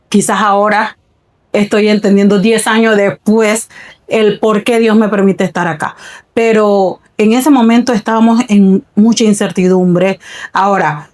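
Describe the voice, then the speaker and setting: A woman's voice: mid-range voice, a little mellow. Earnest woman pastor sharing her story. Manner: earnest, reflective, often repeats words. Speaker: pastor, podcast guest. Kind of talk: personal testimony in a faith podcast conversation.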